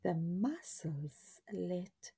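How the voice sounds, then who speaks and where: Very slow, dark, hushed woman guiding relaxation. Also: lowish voice, big pitch swings, vocal fry, breathy edge. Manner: soothing, hushed, drawn-out phrases with pauses. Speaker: guided relaxation narrator. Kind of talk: scripted guided body scan meditation in a soft, breathy half-whisper.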